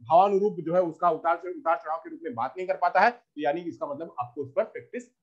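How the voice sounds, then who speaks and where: High-voiced man teaching step by step. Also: fast, dull audio. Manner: repetitive, explains step by step with examples. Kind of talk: teacher-training lecture.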